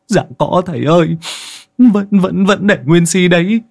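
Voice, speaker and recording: A man's voice: high-pitched, expressive, moderate pace, a bit bright, voice pushed up. A man voicing a panicked young village husband who stammers and wails his pleas. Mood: panicked pleading.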